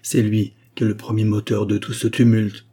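Brief: man doing urgent young noble, husky, commanding. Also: lowish voice, completely flat delivery, normal speed, mellow, natural voice. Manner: urgent, insistent.

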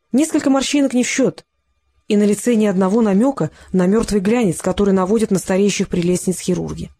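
Steady audiobook narrator. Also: medium pitch. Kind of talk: scripted narration.

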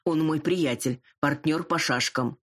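A woman's voice: deep voice, measured pace. A woman reading the part of an older, domineering dragon mother who gives orders and scolds. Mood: commanding. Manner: commanding, scolding.

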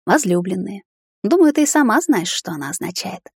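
Storybook figure: caring, protective mother-in-law, read by a woman, mid-pitched. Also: very animated, fairly quick, a little mellow, husky, dry recording. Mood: gentle. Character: kind, protective middle-aged mother-in-law fortune teller.

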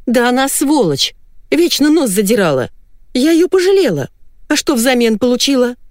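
A woman's voice: fairly high pitch, a little fast, darkish tone, no room sound, studio quality, voice pushed up, lightly acted. A woman reading an audiobook and voicing a betrayed wife who shrieks and sobs in accusing outbursts. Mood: hysterical. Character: hysterical betrayed wife, shrill and sobbing.

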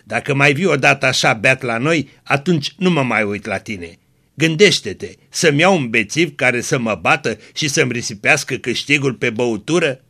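A stern, remorseful young woman from a read-aloud story, voiced by a man in his own reading voice. She snaps out rebukes and pleads in prayer, in a bright, forward tone. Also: mid-range voice, expressive, vocal fry, slightly rough, full character voice. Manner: sharp rebukes, then fervent pleading prayer.

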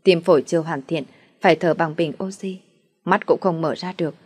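A woman's voice: fairly low pitch, steady tone, brisk, slightly rough. A woman reading a dramatic first-person story aloud as its narrator.

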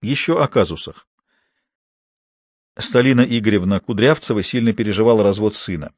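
Man with a dry, steady reading voice. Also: fairly low pitch, moderate pace, dry recording. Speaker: audiobook narrator. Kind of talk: audiobook narration.

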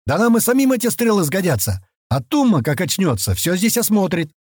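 A man voicing a spirited, quick-tempered boy who is heir to a clan, speaking with eager excitement. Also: mid-range voice, breathy edge, no echo, studio quality. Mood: indignant.

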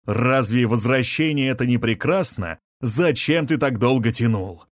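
A sneering villainous mage with a cold, mocking drawl, as a male audiobook reader puts him on. His voice sits at an ordinary middle pitch. The recording is close and completely dry. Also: lively intonation, no echo, close to an everyday voice. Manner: mocking, drawn-out taunting speech.

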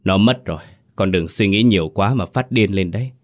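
A man voicing an older mother-in-law who consoles softly. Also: low voice, brisk. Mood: soothing. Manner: soft, consoling.

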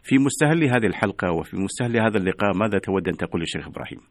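A man with a very low voice presents a radio programme from a dry studio. He uses formal standard Arabic and speaks quickly, though he often stops on a drawn-out filler. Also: lively intonation, dry recording. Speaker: radio host. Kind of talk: live radio programme hosting.

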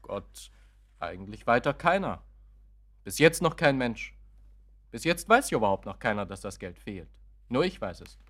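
An actor playing a worried man who handles the cash and fears he will be suspected, in a radio play, swinging between outbursts and low mutters. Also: very animated, moderate pace, long pauses, a bit bright. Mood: troubled.

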